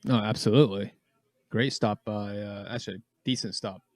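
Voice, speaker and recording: A man's voice: lowish voice, fairly even intonation, moderate pace, no echo, clean studio sound. A man co-hosting a casual race-watching chat, jokey and calling out what happens on screen. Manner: jokey, calls the action on screen. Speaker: podcast co-host.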